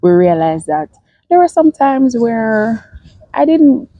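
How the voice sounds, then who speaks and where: A woman's voice: a little high, very animated, slow pace, no room sound, narrow, tinny audio. A young woman, co-hosting a casual chat with her partner and laughing often as she tells their story. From Jamaica. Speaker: co-host of a couple's channel.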